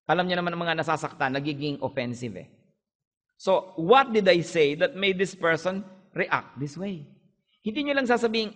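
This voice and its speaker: A man with a Filipino accent, a pastor giving an animated sermon that mixes Tagalog and English. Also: fairly high pitch. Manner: animated preaching, switching between Tagalog and English. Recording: long hall reverb.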